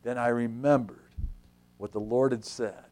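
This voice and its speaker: A male pastor preaching a sermon, animated and conversational, acting out the scripture figures and dropping to a whisper for emphasis. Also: a little slow. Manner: animated, acts out the Bible figures with shifts in pitch and volume.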